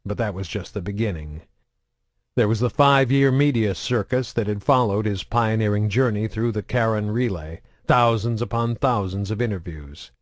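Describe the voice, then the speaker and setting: A man narrating a science fiction novel in a steady, measured reading style. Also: lowish voice, no echo, clean studio sound. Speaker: audiobook narrator. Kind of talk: audiobook narration.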